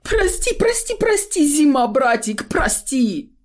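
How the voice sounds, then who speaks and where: A woman voicing a cowardly middle-aged male trader who whines, sobs and begs in a high, breaking voice. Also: big pitch swings, a little slow. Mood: wailing pleading. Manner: whining, pleading, sobbing.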